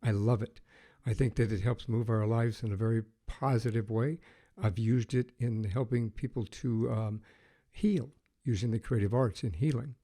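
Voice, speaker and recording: A man hosting a podcast, reading a scripted intro and then chatting with a guest in a measured way, pausing with fillers. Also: mid-range voice, steady tone, mellow. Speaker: podcast host.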